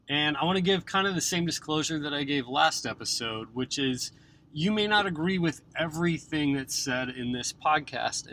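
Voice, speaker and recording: A man opening a podcast episode who speaks directly to his listeners with an earnest, gentle appeal. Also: on the high side, a little hiss or hum, rough recording. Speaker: podcast host.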